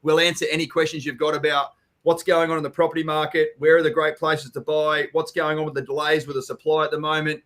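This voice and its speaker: Speaking fast in a fairly high, flat voice with a bit of brightness, this Australian co-host keeps the live stream informal. He's a company general manager fronting a property Q&A, swearing freely and reading out viewer comments.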